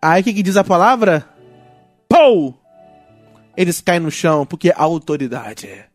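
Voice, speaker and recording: A man with a Brazilian Portuguese accent preaching a sermon, swinging between loud rebukes and quiet asides. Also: on the high side, animated, fairly quick, faint music behind. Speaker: pastor.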